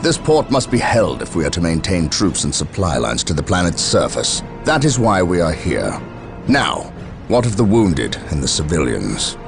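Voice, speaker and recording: Casting: stern sci-fi warrior captain for a game, low voice with big dramatic swings, grave and authoritative, over music. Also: male voice, wildly swooping pitch, normal speed, vocal fry, heavily acted. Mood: commanding. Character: stern, commanding male space marine captain, battle-hardened. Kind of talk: dramatic video game acting.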